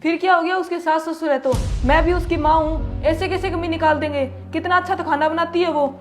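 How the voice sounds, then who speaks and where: Lady doing a nagging mother-in-law, bossy and stubborn, high voice, faint music in back. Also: fairly even intonation, brisk. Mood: insistent. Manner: scolding, complaining. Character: meddling middle-aged mother-in-law, stubborn. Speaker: actor in a family skit. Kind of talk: amateur family drama acting.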